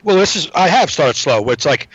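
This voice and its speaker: A man's voice: on the high side, animated, moderate pace, fairly bright tone, slightly rough, no room sound. A man chatting bluntly and profanely on a remote podcast call, his overloaded mic keeps cutting out. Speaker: podcast guest. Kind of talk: casual chat. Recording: dull dry audio with mic dropouts.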